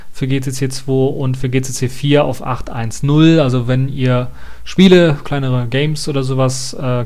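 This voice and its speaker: A man's voice: medium pitch, darkish tone. A man giving a casual spoken review of an operating system release, thinking aloud with many hesitations and restarts. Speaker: tech reviewer.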